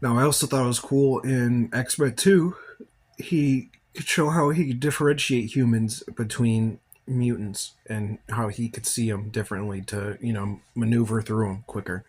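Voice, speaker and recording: A man's voice: medium pitch, normal speed, slightly rough. A tired man hosting a podcast, rambling through a casual film commentary and yawning now and then. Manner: relaxed, rambling, thinks aloud. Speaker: podcast host.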